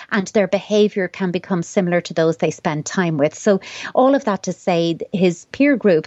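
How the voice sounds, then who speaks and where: A woman's voice: on the low side, a little mellow, dry recording, muffled recording. A woman, a child psychotherapist, giving advice on a radio show in long, thoughtful explanations.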